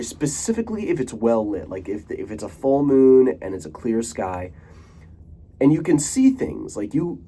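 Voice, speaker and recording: A man's voice: lowish voice, mellow, breathy edge. A young man talking casually to camera in a rambling monologue, full of fillers, restarts and casual swearing. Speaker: vlogger.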